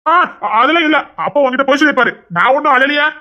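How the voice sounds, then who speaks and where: A woman's voice: high-pitched, quick pace, natural voice. A woman voicing a proud, brusque husband in an audio drama, speaking in a grumbling, dismissive way. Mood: gruff, dismissive. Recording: dull lo-fi recording.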